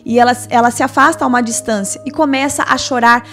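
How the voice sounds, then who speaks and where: A woman preaching a morning devotional, emphatic and alternating quick asides with slow, weighty phrases. Her voice is fairly high. Soft music plays faintly underneath. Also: fairly even intonation.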